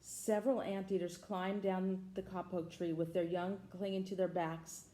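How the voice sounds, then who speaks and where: A woman's voice: on the low side, little pitch movement, moderate pace, mellow, roomy sound, low-quality recording. Woman reading a picture book aloud. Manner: asks listeners questions. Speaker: storybook reader.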